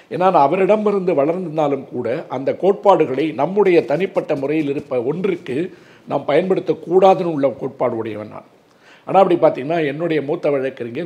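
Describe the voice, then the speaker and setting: A man's voice: medium pitch, a little mellow. A man in his sixties, an advocate, speaking earnestly and emphatically in an interview, with a lot of filler words. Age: 60s.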